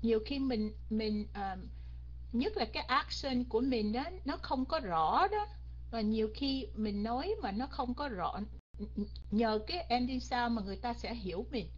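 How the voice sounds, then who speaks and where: A woman's voice: a little high, animated, normal speed, highs cut off. A woman teaching English pronunciation in an online class, mixing in English words and repeating each word again and again as a drill. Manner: drills words by repeating them many times; mixes English words into her speech.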